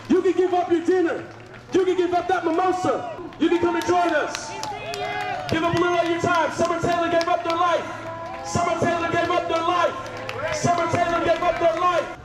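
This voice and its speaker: A protest organizer shouting rousing, impassioned chants and speech at an outdoor street rally. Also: extremely high pitch, roomy sound. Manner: shouted, impassioned call-and-response. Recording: noisy outdoor recording with loud crowd.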